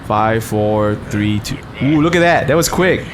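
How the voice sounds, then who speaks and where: A man's voice: on the low side, animated, measured pace. A man hosting a casual let's play, commenting on the game in a slangy, profane way. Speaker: gaming video host. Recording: noisy game sound behind.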